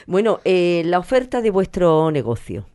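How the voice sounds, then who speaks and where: A woman's voice: lowish voice, very animated, normal speed, mellow. A woman from southern Spain, hosting a casual interview and echoing her guests' words. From El Puerto de Santa María, Spain. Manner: chatty, repeats and echoes guests' words. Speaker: interviewer host.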